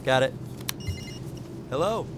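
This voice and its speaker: A male actor playing a brisk young pilot in an audio drama. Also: medium pitch, expressive, background noise. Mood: matter-of-fact.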